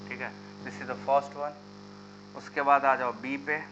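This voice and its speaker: A man's voice: medium pitch, flat delivery, slow. A man teaching a live online chemistry lesson, into his talk and urging students to answer in the comments. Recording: dull lo-fi sound with faint hum.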